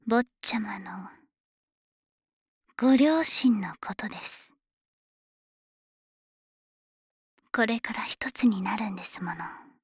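For a Japanese ASMR situation drama, a woman acts as an obsessive dragon maid, murmuring in a high, breathy, whispery voice with a teasing, confiding mood. Her slow, honorific servant speech carries a possessive, softly teasing menace. Recorded dry in a studio on a close mic, with no room sound.

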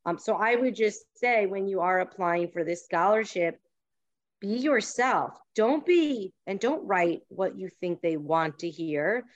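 A woman's voice: mid-range voice, lively intonation, a little slow. Woman with a Long Island accent, slightly muffled. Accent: Long Island, New York. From New York, United States. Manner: candid, self-deprecating, encouraging. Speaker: panelist, past scholarship winner. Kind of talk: conversational advice with personal anecdotes.

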